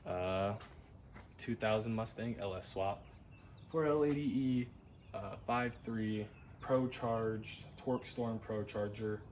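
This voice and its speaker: Low-voiced young man, monotone vlog talk. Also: slow pace, a little hiss or hum. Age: young adult. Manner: self-described monotone, relaxed and rambling. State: tired late at night. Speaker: vlogger.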